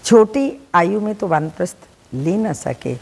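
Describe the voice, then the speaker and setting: A woman with a Hindi accent giving a measured, deliberate devotional reading of a spiritual discourse. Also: lowish voice, animated, creaky, a little mellow, husky, in a large hall, rough recording. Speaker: spiritual teacher reading the daily lesson.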